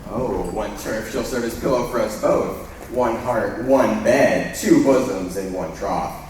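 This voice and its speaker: A man's voice: fairly low pitch, a little slow, a little mellow, a little hiss or hum, close to an everyday voice. A young man playing an ardent young Athenian lover in a school stage play, delivering verse with playful swoops. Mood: tender. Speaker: stage actor. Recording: echoey hall from far off.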